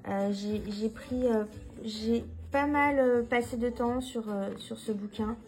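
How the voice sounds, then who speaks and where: A woman's voice: on the high side, steady tone, takes it slowly, darkish tone, low-quality recording. A woman talking casually to her viewers as a tarot reader, hesitant, with many fillers and restarts, frank and informal. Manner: frank and informal, mild swearing. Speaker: tarot reader presenting books. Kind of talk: casual vlog talk.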